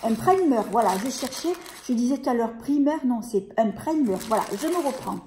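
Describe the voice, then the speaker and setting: A woman's voice: fairly high pitch, fairly quick, mellow, slight background noise. Hesitant woman unboxing beauty products. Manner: hesitant, many fillers and restarts. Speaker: beauty vlogger. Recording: echoey room.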